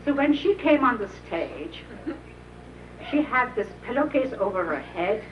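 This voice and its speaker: Preserved on old VHS, this older woman's slightly high voice swings widely in pitch as she reminisces to a small audience, taking her time and chuckling with frequent laughs. The tape is muffled and hissy, and she's recorded from a distance in an echoey room.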